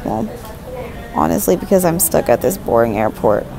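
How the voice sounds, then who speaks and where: Creaky-voiced young woman vlogging. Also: low voice, big pitch swings, moderate pace, warm tone. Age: young adult. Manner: rambling, self-deprecating, informal. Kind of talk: casual vlog chat to camera. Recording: noisy handheld vlog with background ambience.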